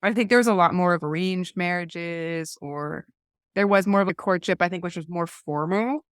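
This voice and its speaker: A woman hosts a faith podcast, talking casually and chattily but hesitantly, often restarting and letting thoughts trail off. Her voice is lowish and moderately paced, with a dry, clean studio sound.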